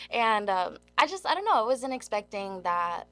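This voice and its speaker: With a medium pitch, big swings in intonation, and a sharp tone, this twenty-something woman speaks at a normal speed. She grew up in Germany and South Korea as a military kid, and as an interview guest she keeps things informal and chatty, leaning heavily on "like."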